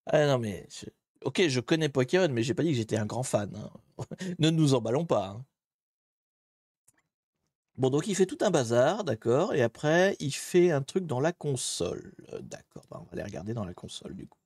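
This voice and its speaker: A man hosting a live stream in casual, chatty commentary. He thinks aloud, mocks himself in a relaxed way, and greets viewers in the chat. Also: medium pitch, moderate pace, husky, dry recording, studio quality. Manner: laid-back and self-mocking. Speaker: livestream host.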